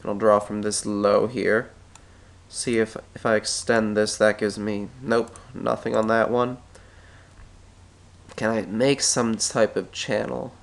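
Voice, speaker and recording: Congested with a head cold, this stock market analyst keeps clearing his throat while recording a chart tutorial on screen. His lowish voice is flat and slow with vocal fry, and he thinks aloud, frequently correcting himself as he draws.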